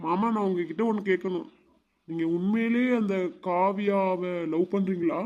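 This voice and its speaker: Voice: mid-range voice, fairly even intonation, moderate pace, darkish tone, close to an everyday voice. A voice actor playing an eager, loyal young village girl in a cartoon, confiding earnestly. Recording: dull lo-fi sound.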